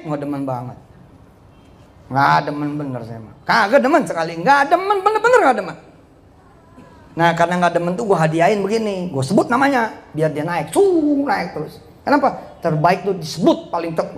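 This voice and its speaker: A man giving a joking, animated motivational sermon in casual slang. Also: sits high. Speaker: preacher.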